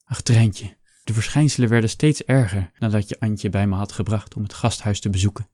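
A man's voice: lowish voice, brisk, no echo, clean studio sound, natural voice. A man doing a kindly old painter. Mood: tender. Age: older. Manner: gentle, breaking with grief.

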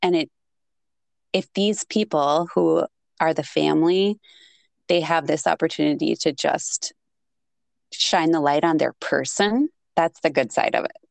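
A woman's voice: sits low, unhurried, vocal fry, pauses often, no room sound. A woman with a Minnesotan accent, co-hosting a podcast in casual chat. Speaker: podcast co-host.

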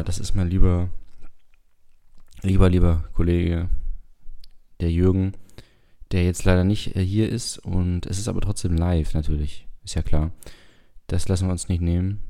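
A man hosting a casual radio podcast in a rambling monologue, with a gravelly smoker's rasp, sounding a bit tired. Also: deep voice, warm tone. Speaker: podcast and radio show host.

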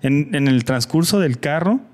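A man's voice: fairly high pitch, animated, moderate pace, darkish tone. A man with a Mexican accent telling a long story in casual chat with friends, full of slang and swearing, acting out what people said. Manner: slangy, swears often, acts out quoted voices.

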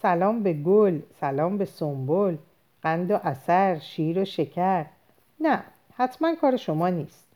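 A woman's voice: fairly low pitch, animated, warm tone, lightly acted. A woman reading the part of a chatty older female housekeeper who rambles on with complaints and fond endearments. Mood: doting.

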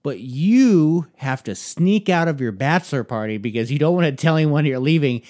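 A man's voice: fairly high pitch, animated, normal speed, a little mellow. A man co-hosting a podcast, teasing his friend in casual chat. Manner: teasing, lots of short backchannel replies. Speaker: podcast co-host.

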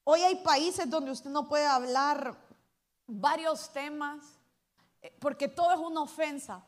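A woman pastor preaches to her congregation in a high, bright voice. She swings from loud, ringing calls to soft, hushed asides as she talks. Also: slow. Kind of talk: sermon.

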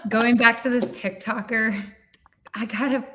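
A woman guest on a podcast, chatting casually and acting out quotes in an animated way. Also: a little high, slow. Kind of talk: casual chat.

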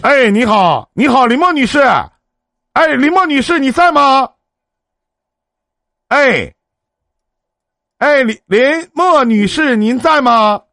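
Brash Northeastern man, high and lively. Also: slow, pauses often, no echo, faint music behind. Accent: Northeastern Mandarin. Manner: brash, joking, swears, chummy big-brother banter. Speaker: live-stream relationship advice host. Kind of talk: casual phone counseling chat on a live stream.

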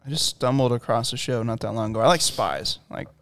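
Guy, casual co-host, smooth dry voice, rambling storyteller. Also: medium pitch, fairly quick, fairly bright tone, no echo. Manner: rambling storyteller with many fillers. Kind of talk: casual chat.

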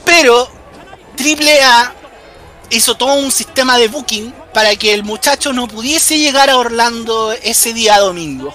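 A man's voice: extremely high pitch, expressive, normal speed, pushed and bright, soft background music, a faint crowd. A man with a Chilean accent doing casual wrestling commentary in a slangy, jokey, enthusiastic fan's way. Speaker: wrestling commentator, podcast host.

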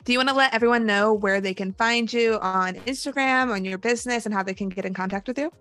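A woman co-hosting a podcast, bubbly and quick to laugh, chatting casually with a guest. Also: a little high, a bit bright. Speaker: podcast co-host.

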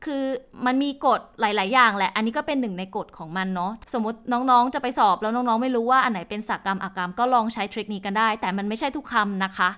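A woman's voice: a little high, quick pace, few pauses, fairly bright tone, clean tone. A young woman hosting a podcast and explaining each point step by step in a chatty, casual way. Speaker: language podcast host. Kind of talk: casual spoken lesson.

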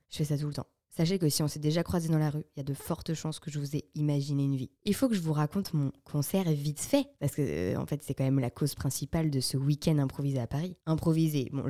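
Young woman, podcast host. Low-pitched, mellow voice with a dry sound. Playful, chatty and self-mocking. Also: dry recording. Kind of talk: casual chat.

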